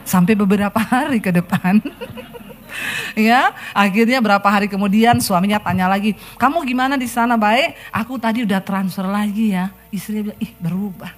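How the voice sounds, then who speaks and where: A woman's voice: mid-range voice, fairly quick. A middle-aged woman pastor preaching a sermon, telling stories and acting out the quotes. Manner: lively storytelling sermon, acts out quotes.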